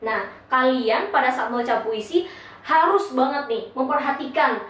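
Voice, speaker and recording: A woman's voice: sits high, normal speed, a bit bright. Young woman teaching poetry reading, echoey. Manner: chatty, informal, with frequent filler tags. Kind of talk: casual classroom explanation. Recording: very echoey room, voice from a distance.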